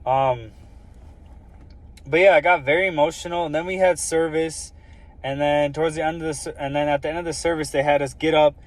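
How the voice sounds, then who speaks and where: A man's voice: a little high, steady tone, fairly quick. Earnest rambling young man telling a story. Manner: earnest, rambling, many fillers like "like" and "um". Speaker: vlogger sharing a personal story. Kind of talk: casual personal storytelling.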